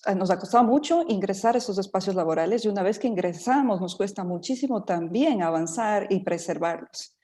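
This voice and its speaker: A woman's voice: on the low side, warm tone. A middle-aged woman from Ecuador speaking as a panelist in an online talk, thoughtful, with many fillers and restarts.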